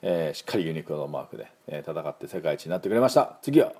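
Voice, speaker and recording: Husky Japanese man teaching English sounds. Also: extremely low pitch, big pitch swings, a little mellow. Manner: slow, drilling repetition of words. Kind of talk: pronunciation lesson.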